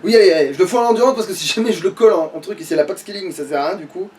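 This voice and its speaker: Here a let's player talks casually over his gameplay, cursing and muttering the same things again. He's high-pitched and rapid-fire, a little mellow, and the distant mic picks up faint background noise.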